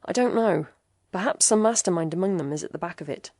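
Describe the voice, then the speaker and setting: A woman's voice: on the low side, fast, darkish tone, no echo, clean studio sound. A woman voicing a horrified middle-aged male doctor in an audiobook, speaking in agitated, breathless exclamations. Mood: urgent. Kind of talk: audiobook character voice.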